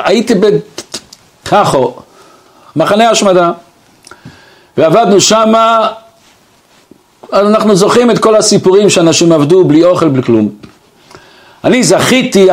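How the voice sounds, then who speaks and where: A man telling a story aloud, acting out the voices of the people in it and moving between hushed and raised tones. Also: high-pitched, expressive, long pauses. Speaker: storyteller retelling a survivor's account. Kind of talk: spoken storytelling.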